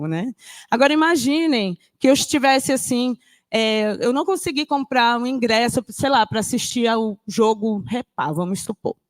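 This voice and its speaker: A woman's voice: a little high, dry recording, clean studio sound. A woman from northern Brazil, giving an explanatory classroom lecture. She talks conversationally and keeps checking that her students follow. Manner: conversational, checks understanding with frequent tag questions.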